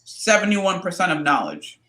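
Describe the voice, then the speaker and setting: A woman co-hosting a casual chat, talking in a lively, animated way and reacting quickly. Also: on the low side, a little hiss or hum. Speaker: podcast co-host. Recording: echoey roomy sound.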